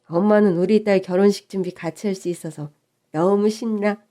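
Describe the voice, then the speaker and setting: A woman voicing a doting middle-aged mother who talks slowly and reassuringly in an audio story. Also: mid-range voice, fairly even intonation, close to an everyday voice. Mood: soothing. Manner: slow, gentle and reassuring.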